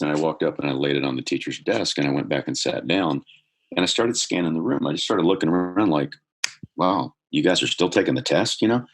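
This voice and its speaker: A man with an extremely deep voice and a husky edge shares a personal story as a podcast guest. He talks earnestly, with pauses and restarts, and grows livelier as the story builds. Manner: earnest, builds in energy while telling a story.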